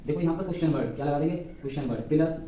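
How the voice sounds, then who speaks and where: A male English grammar teacher with a Hindi accent who explains rules at a board. He keeps saying "ठीक है" and slows right down to dictate example sentences. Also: a little high, warm tone, far from the mic, highs cut off. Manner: repeats "ठीक है" constantly, dictates sentences slowly. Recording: roomy, off-mic, faint background noise.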